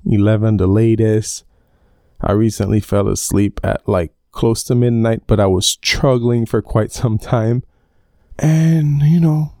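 A man's voice: medium pitch, warm tone, clean tone, no echo, clean studio sound. A man in his twenties recording his podcast from under a blanket in his bedroom, chatting in a rambling, casual way and sweating from the heat. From Belize. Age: 20s. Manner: rambling, chatty, self-aware about going off topic. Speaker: podcast host. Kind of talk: casual solo podcast chat. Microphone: home podcast mic under a blanket.

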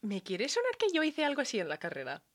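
A young Irish woman, a native English speaker, chatting casually and laughing often with quick agreeing interjections. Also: on the high side, huge pitch swings. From Ireland. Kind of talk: casual chat.

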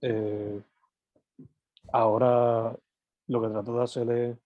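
An easygoing man of thirty conducts a casual interview mixing Spanish and English, asking questions and repeatedly affirming his guest. His mid-range voice is flat and slow, and the recording sounds dull, dry and lo-fi.

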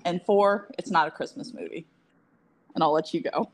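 Chatty lady hosting a podcast, kinda low voice, laughs a lot. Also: normal speed. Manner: chatty, laughs often, self-deprecating asides. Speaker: podcast co-host. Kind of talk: casual podcast chat.

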